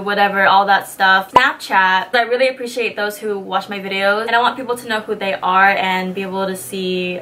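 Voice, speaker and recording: In a small indoor studio, a beauty vlogger in her twenties chats through her tutorial in a bubbly, slangy way, dropping casual swears. Her voice is a little high, pushed and bright. A little hiss or hum can be heard.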